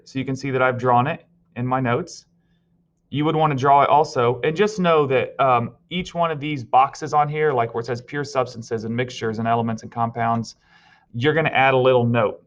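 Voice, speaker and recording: A male teacher giving a recorded virtual science lesson, explaining step by step and telling students what to write down. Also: mid-range voice. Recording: slightly dull lo-fi audio.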